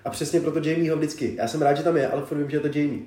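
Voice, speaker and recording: Mellow-voiced young man, echoey room. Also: fairly high pitch, fairly even intonation. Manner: slangy, enthusiastic agreement, frequent fillers. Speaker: podcast co-host. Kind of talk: casual podcast chat.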